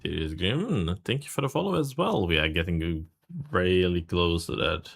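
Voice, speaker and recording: Animated man streaming. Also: low-pitched, moderate pace, creaky. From Serbia. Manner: casual, greets and thanks chat, swears freely. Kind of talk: live game stream commentary.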